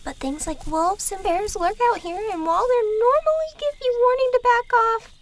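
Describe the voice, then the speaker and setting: Woman playing timid, very high-pitched innocent girl. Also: moderate pace, noisy background. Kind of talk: audio drama acting.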